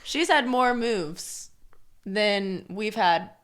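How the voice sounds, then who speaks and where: A young woman co-hosting a podcast, chatting casually with sarcastic, deadpan jokes and a lot of swearing. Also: medium pitch, extremely slow. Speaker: podcast co-host, hairstylist. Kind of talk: casual chat. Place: room, sharing one microphone.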